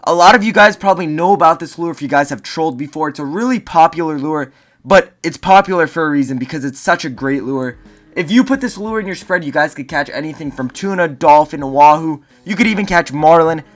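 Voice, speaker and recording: A man with a brisk, somewhat high voice hosts a fishing gear review video, presenting a top ten countdown to viewers. His delivery is casual and emphatic, stressing and repeating key phrases, with music behind him.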